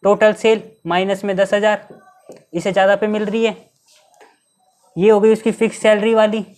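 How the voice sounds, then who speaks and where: A man's voice: high-pitched, little pitch movement, a little mellow. A male teacher giving an exam-prep math lesson, explaining each step and asking his students rhetorical questions. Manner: reads English questions slowly, mixing Hindi and English.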